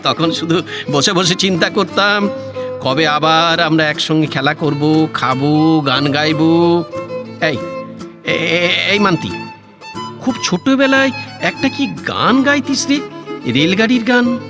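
A man's voice: on the high side, slow, pauses often, big-room sound, over music. A man acting a playful, nosy elderly man in an old-style radio drama, teasing, repeating words and drawing out phrases. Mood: wistful.

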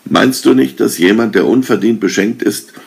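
A man reading aloud as a towering holy king with a deep, gravelly voice, booming and menacing. He lectures sternly and unhurriedly, with a husky edge. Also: normal speed. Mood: lecturing.

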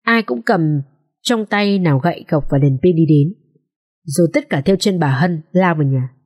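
A woman narrating a dramatic social drama audiobook in an expressive storytelling manner. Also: on the low side, normal speed, slightly rough.

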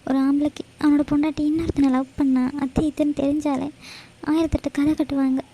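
A woman's voice: high voice, level tone, brisk, warm tone, low-quality recording. A woman voicing a young cartoon friend who scolds and worries in an exasperated way. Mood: scolding. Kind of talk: cartoon voice acting.

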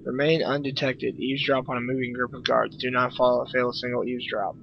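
Gravelly, sarcastic gaming commentator. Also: male voice, mid-range voice, little pitch movement, fairly quick, dull audio, soft background music. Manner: sarcastic, profane, joking. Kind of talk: let's play commentary.

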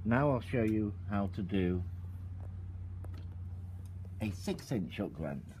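Man, low voice, slow pace, calm instructive demonstrator, outdoor table, faint background hum. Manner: calm, instructive, talks while working with hands. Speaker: product demonstrator. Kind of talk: step-by-step tutorial.

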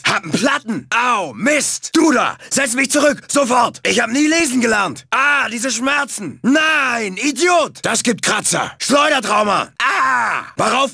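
A man voicing a big, brash, dim-witted bandicoot bruiser for a cartoon video game, cocky, shouty and taunting in a raspy voice. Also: extremely high pitch, no echo, studio quality, exaggerated voice. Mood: pained, frustrated. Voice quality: raspy, gravelly. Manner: cocky, shouty, taunting, third-person bragging.

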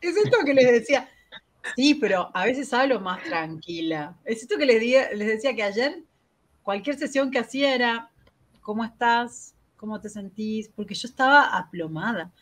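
A woman with a Rioplatense Spanish accent hosting a live-stream talk on spiritual growth. She talks fast and laughs at herself. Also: on the high side. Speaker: host.

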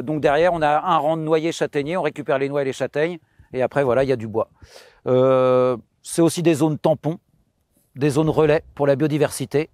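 A man's voice: a little high, a little mellow, no room sound. A man in his thirties explaining his farm outdoors on a tour, casual and hesitant with many fillers. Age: 30s. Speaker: farmer giving a farm tour.

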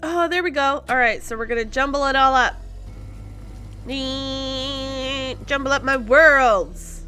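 A woman with a bright, high-pitched voice hosts a gaming series, casually playing through a video game. She muses out loud at a relaxed pace, now and then letting out surprised exclamations, with quiet music in the background and a clean tone overall.

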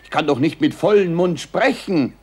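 A man voicing a chatty talking mouth in a children's show, playful and quick to scold. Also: on the high side, lively intonation, a little mellow, slight background noise, close to an everyday voice. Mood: eager, cheeky. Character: chatty talking mouth, cheeky and eager to talk. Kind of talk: children's television acting.

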